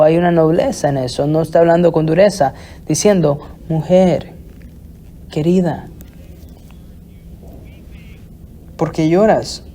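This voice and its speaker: A male pastor preaching an expository sermon in a deliberate, halting way, often restarting his phrases. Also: high voice, dark tone, a little hiss or hum.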